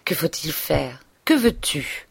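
A woman voicing a calm, evasive man who speaks in a soothing, measured way in a storybook reading. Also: sits low, vocal fry, husky, dry recording, heavily acted. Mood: perplexed. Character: calm, evasive male lover.

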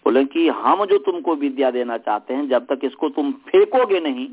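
A man teaching a group over a call, telling a story in a slow, measured way while his voice breaks up and cuts out on the line. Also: medium pitch, lively intonation, slightly rough. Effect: voice breaking up and cutting out on the call line. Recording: tinny, dropping-out phone line.

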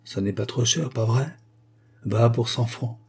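A man reading an audiobook and voicing a hoarse, cynical male street thug who talks slangy and boastful. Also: mid-range voice, a little slow, a little mellow, full character voice. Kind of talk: audiobook character voice.

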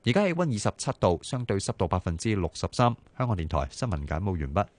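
A man reading weather and market figures as a radio newsreader in a Hong Kong Cantonese accent, brisk and formal. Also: low-pitched, sing-song. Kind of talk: news bulletin read-out. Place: radio studio.

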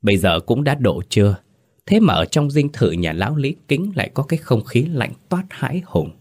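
A man narrates a horror story in a mid-range, darkish voice at normal speed, with big pitch swings. The studio-quality recording has no room sound.

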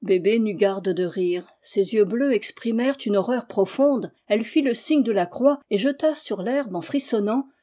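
A woman narrating a classic novel in a measured, expressive reading. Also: medium pitch.

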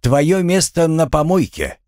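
A man voicing a lofty male spirit guardian who lectures in a condescending, fastidious manner in a read-aloud story. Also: a little high, big pitch swings, a little mellow, dry recording, studio quality, voice pushed up. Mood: lecturing.

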